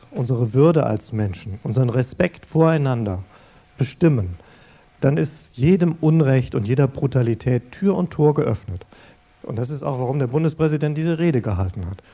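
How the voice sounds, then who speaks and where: A middle-aged man preaching in an earnest, conversational way, turning to his listeners directly. His voice is mellow and warm. The recording sounds a little dull and lo-fi. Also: mid-range voice. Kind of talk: sermon-style talk.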